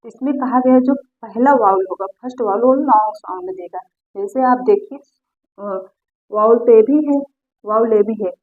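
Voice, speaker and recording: A woman with a slightly high voice teaches an English grammar lesson in Hindi. She repeats the key phrases again and again and keeps asking whether her learners follow. The sound is thin and tinny, like a phone line.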